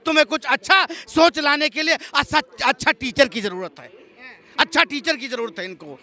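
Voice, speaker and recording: A man's voice: very high-pitched, lively intonation, normal speed, pushed and bright. A man arguing heatedly as a street interviewee, insisting on being heard and repeating his points. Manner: insistent, repeats himself, talks over others.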